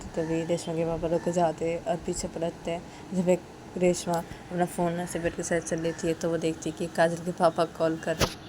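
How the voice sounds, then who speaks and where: A woman's voice: on the low side, moderate pace, background noise. A woman narrating a romantic story in a casual, unscripted way with repeated linking phrases. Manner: repetitive linking phrases, relaxed retelling.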